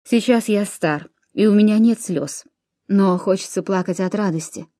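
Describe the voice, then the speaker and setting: A grave, world-weary Roman commander in his late forties, read by a woman in a storybook reading, his words dropping low and heavy. The voice is mellow and dark, set close and dry with no room around it. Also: moderate pace, no room sound, natural voice. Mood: awed. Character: aging weary Roman commander, man of forty-seven.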